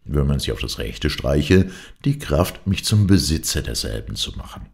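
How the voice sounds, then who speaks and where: A man reading a fairy tale aloud as a first-person narrator, in a dramatic, expressive storytelling manner. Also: very deep voice, vocal fry. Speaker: audiobook reader.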